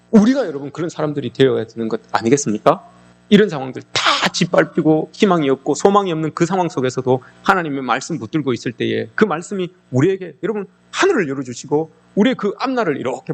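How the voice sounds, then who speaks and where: A middle-aged man preaching a sermon as pastor, impassioned, often calling out to the congregation and voicing a prophet's lament with emotion. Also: a little high. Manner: voices the prophet's lament in emotional rising tones.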